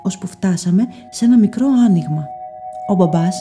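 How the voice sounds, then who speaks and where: A woman giving first-person scripted story narration in a soft, measured, dreamy way. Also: medium pitch, lively intonation, faint music behind.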